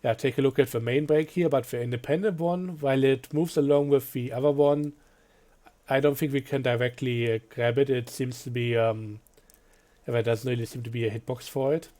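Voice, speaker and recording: Male game reviewer, warm low-key tone, casual commentary with dry asides. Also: a little fast. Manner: relaxed, offhand, frequent fillers and dry asides.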